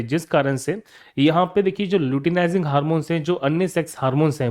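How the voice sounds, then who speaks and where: A young adult man, a teacher, delivers a science classroom lecture in a somewhat high, darkish voice. He repeats each question and answers it himself, addressing the students as "beta".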